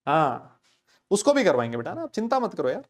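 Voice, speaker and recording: A man's voice: fairly high pitch, wildly swooping pitch, fairly quick. A man teaching chemistry in a live online lecture, chatty and teasing, answering comments as he goes. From India. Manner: chatty, teasing, answers live chat comments, coaxes students with filler tags.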